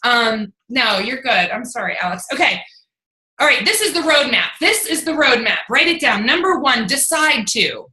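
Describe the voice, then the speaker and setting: A woman coaching a fitness team in casual talk, energetic and rambling, laughing often. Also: a little high, moderate pace. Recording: roomy echo.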